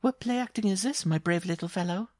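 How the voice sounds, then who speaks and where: A man's voice: sits high, brisk, dry recording, clean studio sound, pitched above the performer's own voice, natural voice. A man voicing a robust, teasing female circus giantess in a story, with a mock-gracious manner. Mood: amused, teasing.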